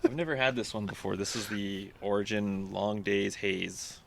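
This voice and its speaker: A man's voice: fairly low pitch, steady tone, moderate pace, gravelly, dry recording. A man hosting a casual podcast chat, recorded outdoors in a backyard. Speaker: podcast host.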